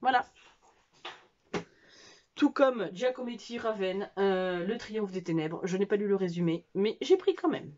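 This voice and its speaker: French woman, casual book vlogger, chatty and halting, mid pitch, slightly muffled home audio. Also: animated, darkish tone. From France. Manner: chatty, hesitant, many fillers and restarts. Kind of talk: casual book haul chat.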